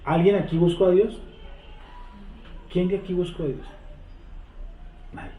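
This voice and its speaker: A man leading a Bible study, quizzing the seated group and repeating verses slowly. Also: high voice, soft background music. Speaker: Bible teacher. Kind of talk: interactive Bible study teaching. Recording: echoey room over a tinny phone-like line.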